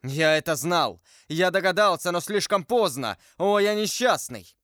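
Brief: a man playing a despairing lord, high and loud anguished cries, dry sound. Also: expressive, measured pace, no room sound. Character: despairing older nobleman, frantic.

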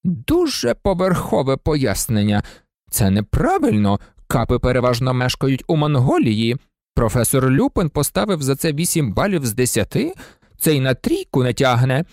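An audiobook reader voicing a cold, sneering male professor with a slow, silky, menacing delivery. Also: mid-range voice, big pitch swings, a little mellow, no echo, clean studio sound. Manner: icy, contemptuous.

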